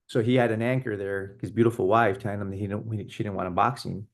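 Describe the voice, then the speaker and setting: A man's voice: lowish voice, steady tone, fast talker. A man co-hosting a casual talk show, telling a story earnestly with frequent restarts. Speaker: podcast co-host. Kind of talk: casual conversation.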